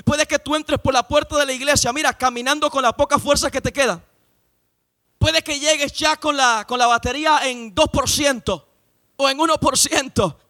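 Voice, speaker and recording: High-voiced, bright, impassioned preaching pastor. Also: male voice, moderate pace. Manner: impassioned preaching, often shouting and sing-song. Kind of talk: sermon. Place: church service.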